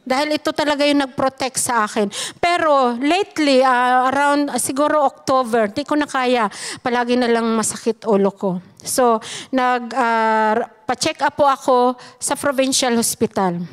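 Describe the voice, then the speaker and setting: A woman's voice: sits high, moderate pace, clean tone. A Filipino woman giving an earnest personal testimony to a church congregation, emphatic and often addressing her listeners as brothers and sisters.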